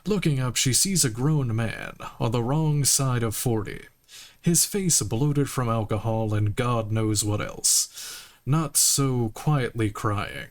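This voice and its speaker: Slow-talking playful male streamer. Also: medium pitch. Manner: playful, laughing, mock-indignant. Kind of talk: game playthrough, reading dialogue aloud.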